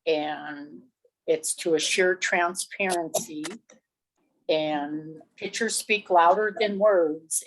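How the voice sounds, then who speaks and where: A woman with a lowish voice speaking as a county commissioner at a public meeting. She talks slowly and deliberately, pausing often, yet holds her position firmly. Her sentences come out in careful, halting pieces. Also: poor audio. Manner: measured, halting, firm.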